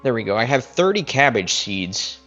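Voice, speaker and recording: A man's voice: medium pitch, big pitch swings, normal speed, a bit bright, faint music behind. A man streaming a game, chatting casually and thinking aloud, his voice muffled as if talking into a cup through a cheap headset mic. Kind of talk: casual live commentary while playing.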